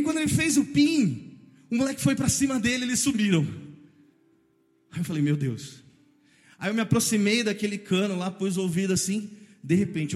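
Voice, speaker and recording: A man in his thirties with a Brazilian Portuguese accent, telling a funny personal story in an animated way and acting out voices and sound effects. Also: sits high, in a large hall.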